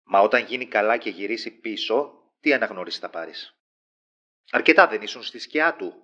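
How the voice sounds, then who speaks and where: An actor playing a manipulative male boss who speaks in a smooth, persuasive way. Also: fairly low pitch, sharp tone. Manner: silky and persuasive. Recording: dull lo-fi sound.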